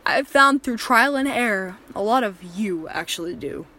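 A woman's voice: medium pitch, lively intonation, normal speed. A woman voicing a volatile, possessive male killer in an audio drama, speaking in a controlling, threatening manner. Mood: softly menacing. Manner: menacing and controlling, soft-spoken then raging. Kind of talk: erotic horror audio drama.

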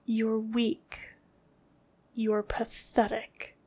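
A woman speaks in a commanding, scornful tone, dropping often into a whisper. Her delivery is very slow and deliberate, with long gaps between short phrases, and her voice sits on the higher side. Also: completely flat delivery, a little mellow, breathy edge. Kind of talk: scripted dominant roleplay audio.

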